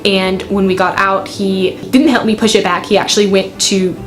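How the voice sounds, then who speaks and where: A woman's voice: mid-range voice, little pitch movement, moderate pace, faint music behind. A woman in her twenties chatting candidly and self-deprecatingly to camera, telling a story in a casual vlog style. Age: 20s. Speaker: student pilot vlogger. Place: bedroom, indoors.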